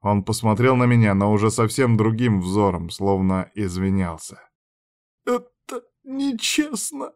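Low-voiced man narrating an audiobook. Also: little pitch movement, moderate pace, few pauses, darkish tone, clean tone. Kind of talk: first-person audiobook narration.

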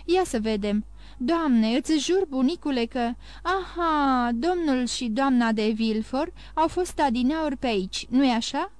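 A woman's voice: sits high, animated, dry recording. A woman reading an audiobook voices a loving young granddaughter who questions her grandfather in a pleading, affectionate way. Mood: anxious.

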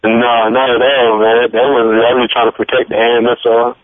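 A man in his twenties, a pro football player, talking in a radio interview over a muffled, tinny phone line that sounds like a drive-thru speaker. He speaks haltingly and searches for words. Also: mid-range voice, flat delivery, no room sound.

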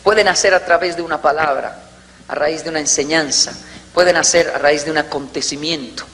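A man's voice: a little high, steady tone, normal speed, a bit bright. A man giving a motivational talk, telling stories and acting out everyday scenes. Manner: storytelling, acts out everyday scenes. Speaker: motivational speaker.

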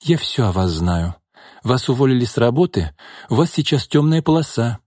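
A man voicing a calm gentle young woman. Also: medium pitch, moderate pace, no echo, studio quality. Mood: soothing. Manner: calm, soothing. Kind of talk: audiobook character voice.

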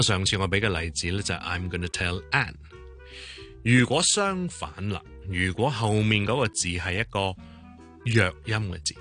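A man's voice: low voice, bright, forceful tone. A man giving a short, chatty radio English lesson, spelling out words and repeating examples. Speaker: English teacher.

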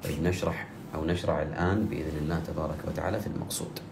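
A man teaching Quran recitation rules, explaining slowly and chanting the example phrases in long drawn-out repetitions. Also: a bass voice, fairly even intonation, gravelly. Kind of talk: tajweed lesson with recited examples. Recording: echoey room with faint ambient noise.

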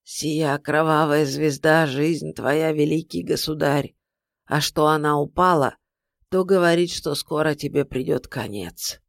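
A reader voicing an old blind sorcerer who speaks slowly, weightily and solemnly. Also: mid-range voice, gravelly, dry recording, studio quality, voice pushed down. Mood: grave. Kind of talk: audiobook character voice.

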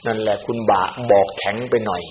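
A man, a Buddhist monk, giving a Dhamma sermon in an animated way. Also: on the low side, a little fast, crowd noise. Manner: animated, acts out other people's words in quoted voices. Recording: roomy, dull-sounding recording with faint hiss.

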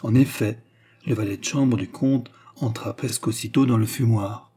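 A man reading a classic novel aloud as narrator, in a measured, expressive storytelling manner. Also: medium pitch, husky. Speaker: audiobook reader.

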